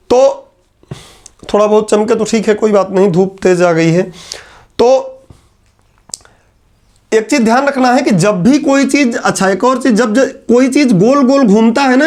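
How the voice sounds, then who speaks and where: A man with a strikingly high voice teaches a class at a whiteboard. He talks in a relaxed, chatty way and drops teasing asides to his students. He slows down to repeat the key terms. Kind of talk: classroom lecture.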